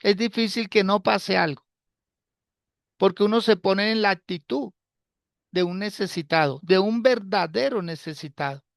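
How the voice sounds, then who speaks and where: A male pastor preaching a sermon in a slow, deliberate way. He repeats his phrases and puts rhetorical questions to the congregation. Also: sits high, creaky, no echo, studio quality.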